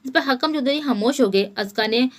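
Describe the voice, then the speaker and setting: A woman narrating a romance novel as an audiobook in a steady, even storytelling manner. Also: sits high, a little fast.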